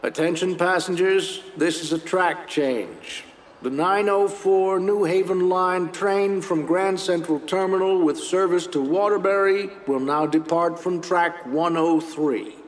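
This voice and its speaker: A man giving a formal train announcement over a station loudspeaker, slow and measured. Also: high-pitched, fairly even intonation. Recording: echoey hall from far off, faint noise.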